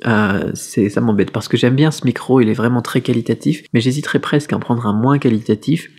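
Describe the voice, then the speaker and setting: A man's voice: medium pitch, brisk, darkish tone, breathy edge. A man from France vlogging casually to camera in his apartment, chatty and full of fillers and self-corrections, recorded on a camera-mounted mic. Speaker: vlogger and Chinese teacher. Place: apartment during a power cut. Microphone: camera-mounted shotgun mic.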